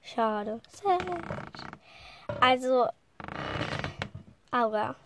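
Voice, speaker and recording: A woman's voice: a little high, expressive, background noise. A woman chatting casually as a podcast host, hesitant and rambling, often apologizing and restarting her sentences. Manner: slow with many fillers and trailing off.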